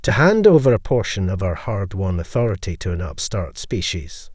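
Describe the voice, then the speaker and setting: A man reads an indignant scaled alien councillor in a sci-fi audio story. He blusters with a mellow voice that rises and falls. The recording is dry. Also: low-pitched, very animated, moderate pace, no room sound.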